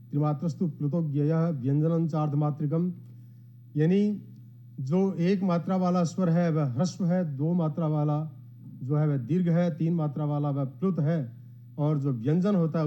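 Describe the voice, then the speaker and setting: A man giving a formal conference lecture in a measured, explanatory way, reciting Sanskrit verses between his points. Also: a little high. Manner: modest, addresses the gathering. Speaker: academic speaker at a conference. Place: conference hall. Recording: dull lo-fi sound.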